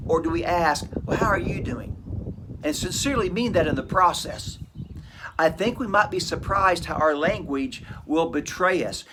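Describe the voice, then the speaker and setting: A man's voice: a little high, background noise. Earnest man giving a devotional talk. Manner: earnest, plainspoken, tells personal stories. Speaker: host of a short homeschool devotional segment.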